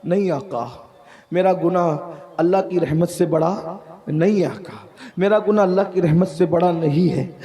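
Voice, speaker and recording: A man's voice: high voice, warm tone, natural voice. A man preacher voicing a weeping, remorseful young man pleading and confessing.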